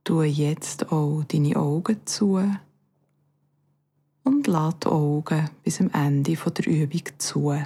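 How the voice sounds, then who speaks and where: This yoga nidra instructor's voice sits low, carrying a Bernese Swiss German accent as she guides a calm, soothing meditation. She pauses at length and lets each phrase finish softly and breathily.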